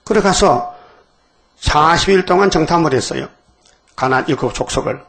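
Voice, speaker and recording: A man's voice: a little high, normal speed, a bit bright. A male pastor preaching a dawn sermon, questioning the congregation and acting out biblical voices.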